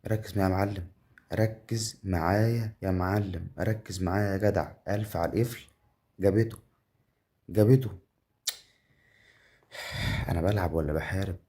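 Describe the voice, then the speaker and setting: Man, Egyptian accent, low-pitched, mellow tone, live game commentary, chatty, talks to the viewer. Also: fairly even intonation, fast talker. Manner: chatty, talks straight to the viewer, counts winnings aloud. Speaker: gambling game streamer.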